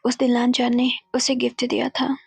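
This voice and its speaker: A woman narrating a retold romance story in a chatty, casual way, sprinkling in English words. Her voice is high and gravelly with a husky grain. The sound is close and dry with faint music underneath. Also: completely flat delivery, normal speed, no echo. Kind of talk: casual storytelling, retelling fan fiction.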